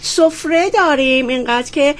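Give me a woman playing an excitable, easily sidetracked celebrity gal with a sky-high, squeaky voice. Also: close to an everyday voice. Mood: chatty. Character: chatty self-styled celebrity woman Anar. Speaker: radio comedy character. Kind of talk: comic in-character radio chat.

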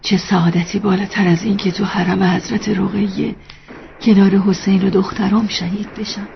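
A man voicing a calm, devout middle-aged mother in a story, in a soft, airy raised voice. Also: sits high, vocal fry, highs cut off, noisy background, pitched above the performer's own voice. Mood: serene.

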